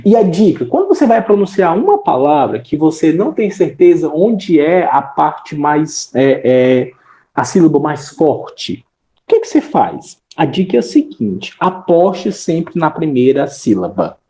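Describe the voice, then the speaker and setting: A woman's voice: low-pitched, very animated, unhurried, mellow, reverberant, poor audio. A woman teaching an English class online with a Brazilian accent, explaining in Portuguese and checking in with frequent tag questions.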